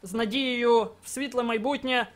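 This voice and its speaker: A young man commenting live on his own football video game match, excitable and bursting into shouts at big moments. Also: extremely high pitch, moderate pace, faint music behind. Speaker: gaming channel host.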